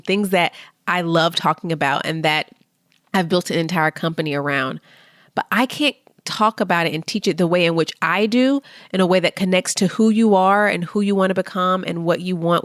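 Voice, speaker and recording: Female podcast host, unhurried and deliberate, encouraging the listener directly, dry studio-close voice. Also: on the low side, a bit bright, no room sound. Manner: slow, deliberate affirmations with pauses. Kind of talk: motivational podcast monologue.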